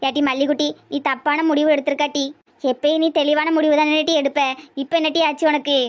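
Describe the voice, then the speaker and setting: A woman's voice: high-pitched, level tone, quick pace, muffled recording, pitched below the performer's own voice, close to an everyday voice. A woman voicing a concerned middle-aged village neighbor, with a Tirunelveli Tamil accent, in a cartoon comedy. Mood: worried. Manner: cautioning, concerned. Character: worried middle-aged neighbor woman, older sister figure.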